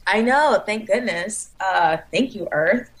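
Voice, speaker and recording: A woman's voice: mid-range voice, takes it slowly, poor audio. Young woman guest telling funny stories, laughs a lot, acts out the lines. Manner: animated, laughs often, acts out quotes. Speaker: interview guest, dancer and singer. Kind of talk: casual storytelling.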